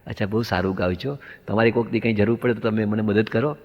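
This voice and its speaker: Comedian in a reverberant hall. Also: male voice, fairly low pitch, steady tone, fast. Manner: acts out both sides of dialogues in anecdotes, punchline delivery. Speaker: stand-up comedian. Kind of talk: stand-up comic storytelling. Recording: dull lo-fi sound with long hall reverb.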